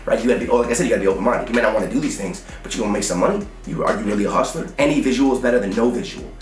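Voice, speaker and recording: Talking very fast in a fairly low voice, an American man coaches on the music business, pushing blunt, emphatic how-to motivation in slangy, repetitive hustler language. He also sells online courses. The mic is distant, picking up a roomy echo.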